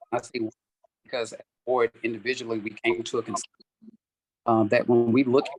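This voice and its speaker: A man answering forum questions as a school board candidate over a video call whose audio keeps breaking up, speaking haltingly and restarting his sentences. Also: mid-range voice, dry recording, rough recording. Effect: choppy, breaking-up video call audio.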